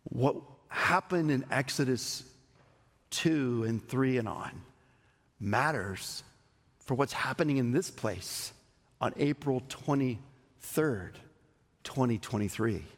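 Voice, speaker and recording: A male pastor preaching a sermon in a church, slow and emphatic, with dramatic pauses. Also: medium pitch, lively intonation, in a large hall. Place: church sanctuary.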